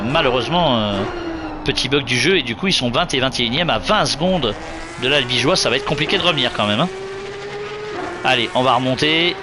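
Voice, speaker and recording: Male race commentator, slightly high pitch, running motorsport play-by-play with standings recaps, car noise clearly behind. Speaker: motorsport commentator for an online sim racing league. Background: racing car sounds.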